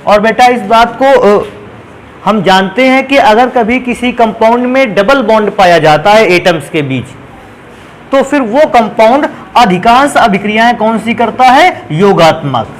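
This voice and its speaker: A man with a high-sitting, expressive voice teaches a classroom-style chemistry lesson at an unhurried pace, asking questions and answering them himself. He fondly calls his students children, and the rough recording carries a little hiss or hum.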